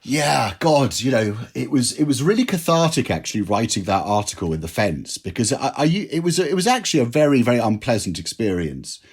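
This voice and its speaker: A man's voice: medium pitch, sing-song, brisk, hardly any pauses, husky. A man, a drinks writer, telling self-deprecating anecdotes as a guest in an interview. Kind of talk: interview storytelling.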